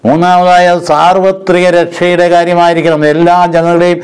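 An older man preaches as a priest in an earnest sermon, his voice smooth and resonant and pitched a little high. He retells scripture stories, speaking the characters' lines himself. He is recorded indoors on a lapel mic. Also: level tone, moderate pace. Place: studio set with red curtains, indoors.

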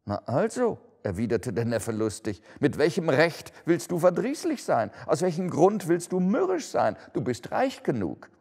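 A man voicing a cheerful, warm-hearted young man who talks merrily and pleads kindly. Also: fairly high pitch, wildly swooping pitch, normal speed, vocal fry, few pauses, slightly rough, voice pushed up, full character voice. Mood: merry. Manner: merry, pleading. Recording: long hall reverb.

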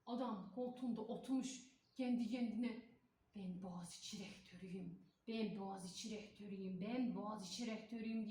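A woman's voice: medium pitch, darkish tone, a little hiss or hum, natural voice. A woman playing a chatty, gossipy middle-aged cleaning lady, in a comic stage monologue. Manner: chatty, folksy, sprinkles exclamations. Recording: echoey room, voice far from mic.

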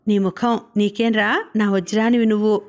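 A woman's voice: medium pitch, level tone, normal speed, darkish tone, dull audio, natural voice. A woman voicing a fussing, affectionate older mother-in-law in a storybook reading.

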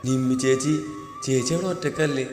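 A frightened young wife clings to her husband, her lines quiet and subdued, voiced by a man reading the story. The voice rings out in a reverberant space. Soft music sits underneath. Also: mid-range voice, fairly even intonation, fairly quick, natural voice. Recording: reverberant room with background music.

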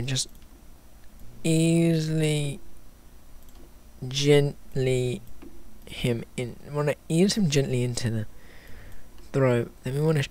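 A man's voice: mid-range voice, darkish tone. A man with hiccups talking through an animation tutorial in a casual, stop-start way, thinking aloud and correcting himself as he works. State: has hiccups. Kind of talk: casual screen-recorded tutorial.

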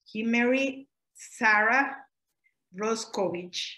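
Her voice is fairly high and sharp-toned, and the recording is rough. She is a middle-aged Costa Rican woman giving an oral history interview from a room in her home via video call webcam, recalling family history unhurriedly with frequent "eh" pauses and self-corrections.

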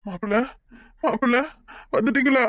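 A man's voice: extremely high pitch, normal speed, a bit bright, no echo. A man voicing an ailing elderly father in a cartoon, pleading weakly. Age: older. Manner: pleading, weak. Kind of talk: cartoon voice acting.

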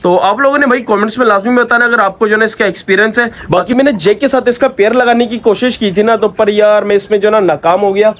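A man's voice: sits high, quick pace, few pauses. A man vlogging about his pet birds and rabbits in a chatty, affectionate way. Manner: chatty, affectionate, peppered with "yaar" and "bhai"; coaxing pets softly. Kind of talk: casual vlog narration.

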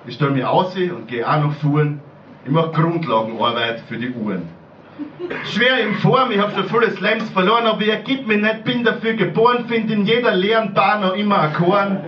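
A man with an Austrian accent performing rhyming poetry at a slam, declamatory, with loudness and pitch that keep shifting. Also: lively intonation, moderate pace, slight background noise. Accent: Austrian German. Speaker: slam poet. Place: small bar stage. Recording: echoey room, far-off mic, dull lo-fi sound.

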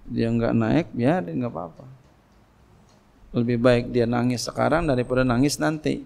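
A middle-aged man a gravelly, creaky voice and a lilt gives a relaxed religious lecture. He talks the way he would in conversation, repeating himself and tossing out rhetorical questions. His pitch sits in an ordinary middle range. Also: normal speed. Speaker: Islamic boarding school teacher.

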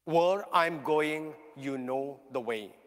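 A man serving as priest, reading the Gospel at a funeral Mass in a measured liturgical way, his voice ringing with cathedral echo. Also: on the high side. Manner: slow, measured liturgical delivery. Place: large church. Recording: long church reverb, heard from a distance.

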